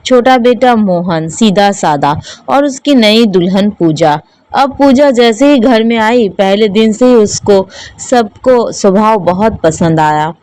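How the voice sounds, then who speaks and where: A woman narrating a children's story, expressive, dipping low at suspenseful moments. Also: low-quality recording.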